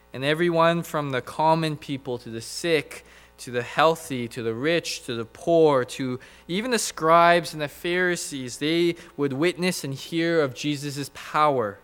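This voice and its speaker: A man preaching a sermon in an earnest, emphatic way, with dramatic pauses. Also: on the high side, fairly bright tone, clean tone. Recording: reverberant hall with mains hum.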